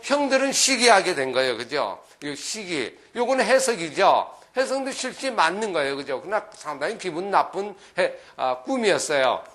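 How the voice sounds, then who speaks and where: A middle-aged man, a pastor, giving a Bible lesson to children, asking them questions and checking often that they follow. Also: sits high. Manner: lively, asks the listeners questions, often adds "그죠?".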